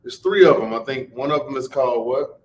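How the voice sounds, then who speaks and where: A man's voice: medium pitch, expressive, fairly quick, recorded from a distance. A man co-hosting a podcast, chatting casually, laughing and repeating himself. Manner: laid-back, laughs often, repeats himself. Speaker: podcast co-host. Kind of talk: casual chat. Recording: roomy echo, off-mic, faint hiss.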